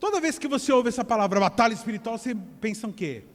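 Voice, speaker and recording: High-voiced Paulista pastor in an echoing hall. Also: male voice, animated, quick pace. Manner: conversational, joking, restarts and repeats words. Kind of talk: sermon. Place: church hall. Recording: long echo of a church hall.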